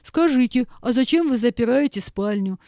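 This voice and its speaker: A woman voicing an earnest, bewildered young male bear in a storybook reading, in a louder, plainer voice than her narration. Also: a little high, expressive, moderate pace, dry recording, clean studio sound. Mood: puzzled.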